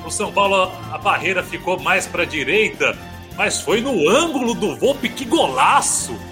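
A Brazilian man calls football in explosive goal commentary. His high voice swings widely in pitch, with shouted and stretched-out calls, over music. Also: animated, a little slow.

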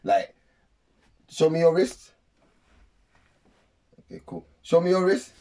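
A man's voice: fairly high pitch, big pitch swings, takes it slowly, dark tone. A young man, co-hosting a casual chat in a slangy, teasing way. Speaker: show co-host.

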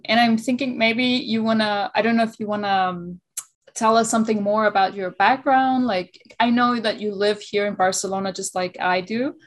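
A woman hosts a conversational interview and frames her questions casually. She hedges as she goes along, and her voice stays in a middling pitch. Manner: casual, tentative, many fillers. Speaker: interview host.

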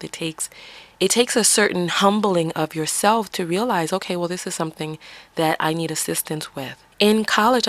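A woman's voice: lowish voice, no room sound. A woman from the Bronx with a slight New York accent, hosting a reflective solo podcast and coaching listeners through rhetorical questions. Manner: earnest, coaching, asks many rhetorical questions. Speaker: podcast host.

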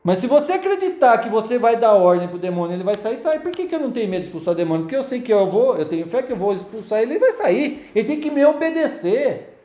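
A man's voice: very high-pitched, big pitch swings, fast, mellow, echoey room. A man preaching a sermon and telling his own story, acting out the voices of demons and people. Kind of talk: sermon testimony.

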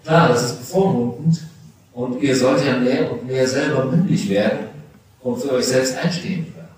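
A man's voice: mid-range voice, normal speed, darkish tone, a little hiss or hum. A middle-aged man preaching a confirmation sermon, speaking personally and directly to teenagers. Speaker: pastor. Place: church. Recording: echoey church recorded from a distance.

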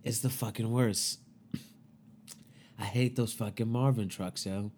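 A man's voice: fairly low pitch, steady tone, a little slow, a little mellow, slight background noise. Loose, profane young man chatting. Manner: loose and profane, often laughing between phrases. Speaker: podcast co-host. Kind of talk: casual chat.

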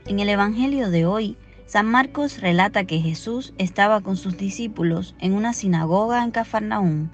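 A woman of ordinary pitch reads a devotional reflection in a calm, measured way. The recording is a little dull and lo-fi, with soft music playing underneath. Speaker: reader of a Gospel reflection. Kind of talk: scripted devotional narration.

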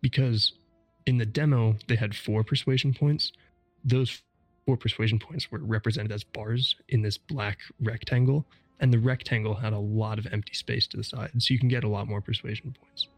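A man's voice: on the low side, fairly even intonation, normal speed, dry recording, soft background music. A man hosting a casual gaming podcast, explaining game mechanics methodically. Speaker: podcast host.

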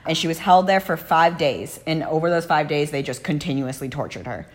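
A woman's voice: deep voice, fairly quick. A woman hosting a true crime podcast, telling the case in a casual, blunt way with frequent swearing. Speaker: podcast host.

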